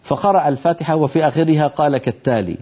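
A mellow, warm-toned older man gives a televised recitation lesson, laying out each point clearly and voicing every letter he describes. The sound is dull and lo-fi, like an old broadcast. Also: a little high, racing. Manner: explanatory, demonstrates letter sounds aloud. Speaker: Quran recitation teacher.

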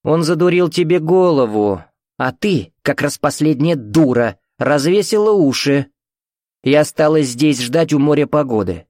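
A harsh, commanding mother's voice drips with contempt, as a male reader puts her on. She sits high above his usual register. The audiobook sound is dry and close. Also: animated, unhurried, darkish tone, no echo. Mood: mocking. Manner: scornful, cutting, commanding. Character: cold sneering domineering middle-aged mother.

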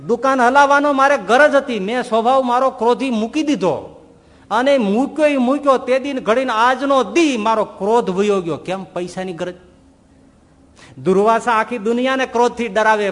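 High-voiced preaching man, reverberant hall. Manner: animated, rhetorical questions, acts out quoted voices. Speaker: swami giving a religious discourse. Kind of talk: sermon storytelling.

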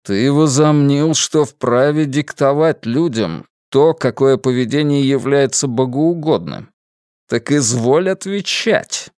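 A man voicing a stern dark-haired inquisitor who speaks coldly and slowly. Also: mid-range voice, lively intonation, smooth, dry recording, clean studio sound. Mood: cold menace. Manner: cold, stern, slow.

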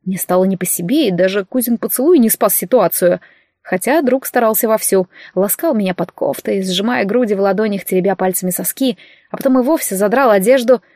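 A woman reading a first-person novel aloud at a steady pace. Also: mid-range voice, no room sound, studio quality. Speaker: audiobook reader.

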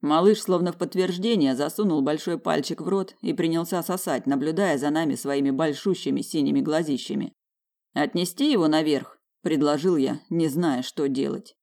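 A man's voice: on the high side, moderate pace, vocal fry, a little mellow. A man narrating a first-person audiobook in a wry, inward way, grumbling in the dialogue.

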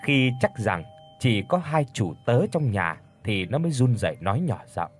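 A man narrating a dramatic story for an audiobook in an expressive storytelling manner. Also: medium pitch, moderate pace, slight background noise. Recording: faint background music.

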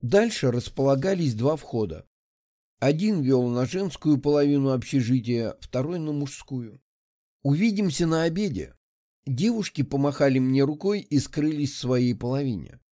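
A male audiobook narrator telling a first-person story in an even, lightly ironic voice. His tone is dark and relaxed, with a middle pitch, and the recording is dry with no room sound. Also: normal speed, dry recording.

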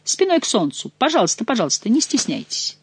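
A woman's voice: on the high side, very animated, brisk, slightly rough, no echo, voice pushed up, exaggerated voice. Woman voicing a young male nobleman, ironic, mock-polite, teasing, audiobook, dry recording. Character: mocking, cool-headed young male nobleman. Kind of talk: audiobook character reading.

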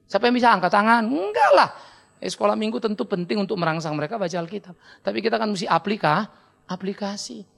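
A middle-aged man with an Indonesian accent preaching a sermon as pastor, animated and teasing, acting out his listeners in quick asides. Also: high-pitched, vocal fry.

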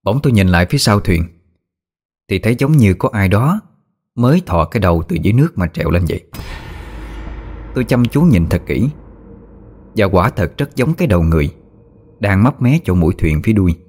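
Deep-voiced man telling a ghost story. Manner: steady, measured telling that turns frantic in quoted outbursts. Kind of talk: first-person ghost story narration. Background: faint music.

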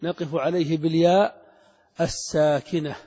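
Guy teaching grammar to a class, high and a bit husky, muffled lo-fi sound, long echo. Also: steady tone, normal speed, warm tone. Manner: explains by asking students questions and repeating key words. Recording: lo-fi recording with long hall echo.

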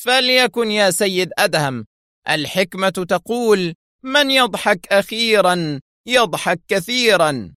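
A man's voice: a little high, a little fast, fairly bright tone, no room sound, voice pushed up, lightly acted. A man voicing a cold, commanding male villain, menacing and tense in a dry recording. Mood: tense, angry.

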